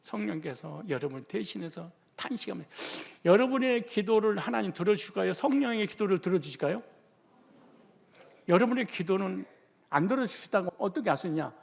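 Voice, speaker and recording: A man's voice: sits high, expressive, brisk, vocal fry. A man preaching a sermon as pastor in a church sanctuary, emphatic, firing rhetorical questions at the congregation and slipping into blunt casual speech. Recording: long church hall reverb.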